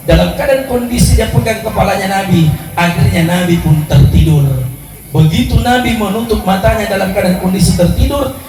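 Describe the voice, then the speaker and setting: A high-pitched man preaches to a gathered congregation, pressing each point hard and rising to shouts. His voice rings through a very echoey hall, picked up from a distance with music playing behind. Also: vocal fry. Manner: emphatic, repeats his address to the congregation. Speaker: Islamic preacher. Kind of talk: sermon to a congregation.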